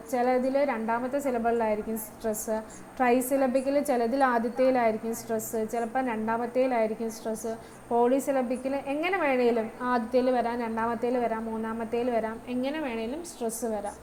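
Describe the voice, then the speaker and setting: A woman with a high, light voice teaches a class. She moves between English terms and her own language and pauses to check that her students follow. A faint hum sits under her voice. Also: a little mellow, poor audio. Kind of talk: online class lecture.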